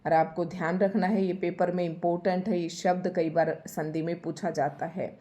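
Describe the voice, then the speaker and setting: A woman's voice: lowish voice, steady tone, normal speed, dark tone. A woman teaching a Hindi spelling lesson for exam preparation. She explains patiently and says each word again and again to stress how it is spelled.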